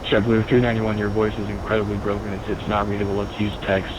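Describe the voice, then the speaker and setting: Fast, flat male air traffic control radio. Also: fairly low pitch. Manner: clipped, procedural delivery. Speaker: air traffic controller on online flight simulation network. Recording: noisy radio with aircraft drone.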